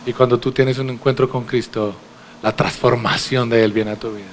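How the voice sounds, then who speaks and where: A man's voice: mid-range voice, level tone, moderate pace, a little hiss or hum. A man preaching a sermon to his congregation in a church, emphatic, with rhetorical questions and direct address. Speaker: pastor.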